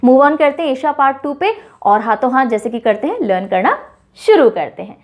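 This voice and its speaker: High-voiced playful woman teacher. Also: normal speed. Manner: playful, animated storytelling with mini scenes. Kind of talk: Hindi-English mnemonic lesson.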